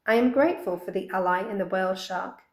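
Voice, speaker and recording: A woman narrating a children's fantasy audiobook in a steady, expressive reading voice. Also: medium pitch, fast talker, roomy sound, rough recording. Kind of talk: scripted storybook narration.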